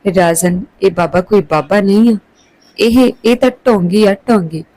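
A woman's voice: medium pitch, measured pace, mellow, lightly acted, rough recording. A woman voicing a distraught, defiant young wife in a narrated story. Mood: accusing.

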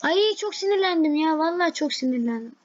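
High-voiced excitable woman streaming a game. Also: brisk, lo-fi sound. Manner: excitable, frustrated, repeats herself while playing. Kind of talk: live gameplay commentary.

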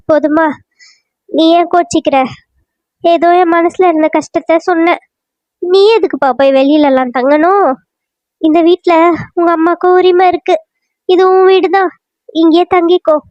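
A woman voicing a shrill, nagging village mother. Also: fairly even intonation, a little slow, pauses often, no room sound. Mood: placating. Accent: Kanyakumari Tamil. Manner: reproachful, wailing, nagging. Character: middle-aged village mother, bitter and complaining. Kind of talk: cartoon serial voice acting. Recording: dry, muffled lo-fi recording.

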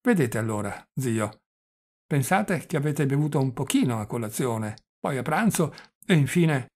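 A man's voice: very animated, measured pace, breathy edge, full character voice. A man reading the part of an impatient young nephew who presses an old man with questions, in an audiobook. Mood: pressing. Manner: quieter, lower than the narration, pressing questions.

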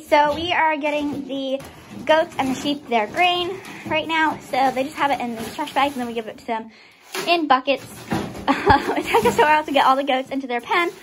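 A woman's voice: high voice, background noise. A teenage girl casually narrating a farm vlog on a handheld phone, chatty and giggly with lots of ums. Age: teens. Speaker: vlogger. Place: outdoors on a farm, barns and pens. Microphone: handheld phone camera.

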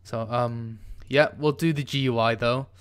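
With a steady tone at normal speed, the host's mid-range voice comes across smooth and clean in his screen-recorded coding tutorial. He's casual and unsure, dropping many ums and restarts as he types, while faint keyboard clacking plays underneath.

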